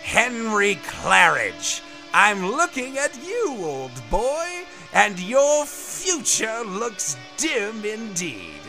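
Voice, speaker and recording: The Joker, shrill maniacal villain. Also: male voice, wildly swooping pitch, over music, heavily acted. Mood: gleeful, taunting. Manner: mocking, sing-song, drawn-out. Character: the Joker, gleeful maniacal theatrical male villain. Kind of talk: comic-book audio drama.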